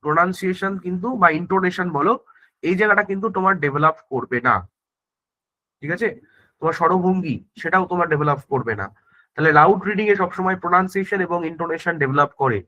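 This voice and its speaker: Guy teaching exam-prep grammar, high bright voice, keeps asking "ok?". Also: quick pace, lo-fi sound. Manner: explanatory, keeps checking understanding with tag questions; frequent self-corrections and restarts.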